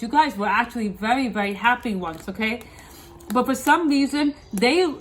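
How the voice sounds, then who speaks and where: A woman's voice: on the high side, rough recording. A woman with a slight lisp from wearing dental aligners, giving a tarot reading to viewers in an emphatic, repetitive way, often checking in with her listeners. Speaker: tarot reader, host.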